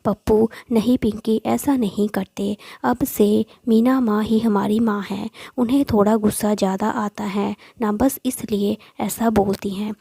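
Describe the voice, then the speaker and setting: A woman's voice: mid-range voice, measured pace, gravelly, hardly any pauses, husky, no room sound. A woman voicing a kind, protective boy. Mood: reassuring. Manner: calm, reassuring. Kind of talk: storybook voice acting.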